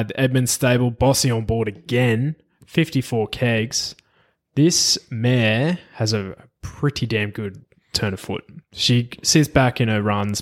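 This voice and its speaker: Australian man, fairly low pitch, casual racing tipster, matey co-host chat.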